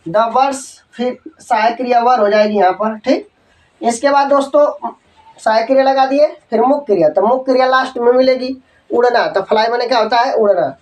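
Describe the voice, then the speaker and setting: A man teaching an English grammar lesson, dictating example sentences slowly, spelling words letter by letter and checking that students follow. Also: extremely high pitch, a little mellow, far from the mic, poor audio. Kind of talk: Hindi-medium grammar lesson.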